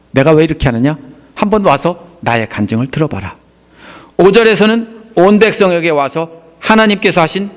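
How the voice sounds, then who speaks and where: In this sermon, a middle-aged Korean pastor turns to the congregation with questions he goes on to answer. Emphasis pushes his voice upward, after which it settles back down, quiet and soft.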